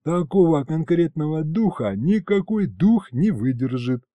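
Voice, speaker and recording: A man's voice: on the high side, lively intonation, a little slow, no echo, muffled recording. A man voicing a slangy male imp henchman who talks like a street tough, in an audiobook reading. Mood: cocky. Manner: gangster slang, whiny.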